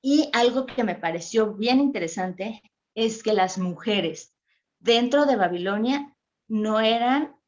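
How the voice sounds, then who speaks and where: A woman's voice: slow pace, lo-fi sound. Chatty Mexican woman teaching Scripture. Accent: Mexican Spanish. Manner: chatty and expressive, acting out quotes with sudden high exclamations. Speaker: speaker at a women's church meeting. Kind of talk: informal Bible teaching.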